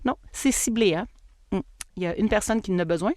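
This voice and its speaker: A woman with a Québécois accent, hosting a casual solo podcast in a chatty, animated way and laughing at herself. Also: mid-range voice, a little fast, dry recording, studio quality. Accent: Québécois French. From Quebec. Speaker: podcast host and marketing coach.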